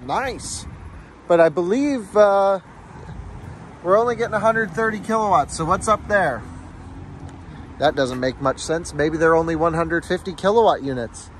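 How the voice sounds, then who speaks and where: A man's voice: sits high, expressive, normal speed, pauses often, slight background noise. A young man hosting a car vlog, thinking aloud with enthusiasm as he films himself by phone at a charging station at night. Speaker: car channel host. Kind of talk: casual vlog commentary. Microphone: phone camera at arm's length.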